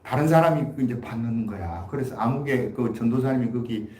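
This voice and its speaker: A man's voice: mid-range voice, brisk, a little mellow. A man preaching a Sunday sermon as pastor, telling a story in a folksy way and then pressing the point with emphatic exhortation. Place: church sanctuary. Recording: echoey church hall.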